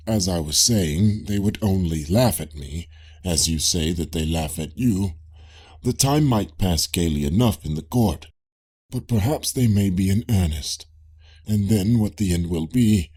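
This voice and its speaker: This is a scripted reading of a classical dialogue by a man who narrates classical texts for audiobooks. He sounds low and a bit rough, formal and measured, yet his intonation stays lively.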